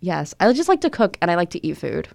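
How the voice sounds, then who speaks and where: A woman's voice: fairly low pitch, big pitch swings, fast, vocal fry, a little mellow, dry recording, clean studio sound. A woman, co-hosting a casual chat and telling stories with a teasing edge. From Tennessee. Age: 20s. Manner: chatty, storytelling, teasing. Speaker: co-host.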